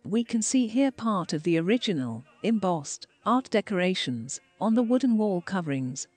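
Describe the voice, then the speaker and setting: A woman reading scripted documentary narration for a walking tour, steady and phrase by phrase. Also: medium pitch, normal speed, no room sound, soft background music.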